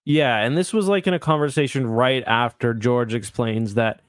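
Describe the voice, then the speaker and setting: A man's voice: medium pitch, normal speed, no echo. Man chatting on a dry close mic. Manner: rambling, self-correcting explanations. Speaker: podcast co-host. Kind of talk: casual chat.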